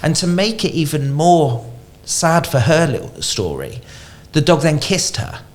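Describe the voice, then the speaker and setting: A man's voice: fairly high pitch, a little slow. A man, a guest on a business podcast, chatting casually and acting out quotes as he tells stories. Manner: animated storyteller, acting out quotes. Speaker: franchise company expert guest.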